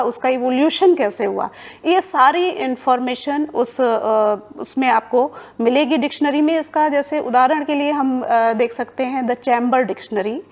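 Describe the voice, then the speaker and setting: Woman tutor, high voice, patient explanatory lecture, mixes English terms in. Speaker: library science tutor. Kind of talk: exam-prep lecture.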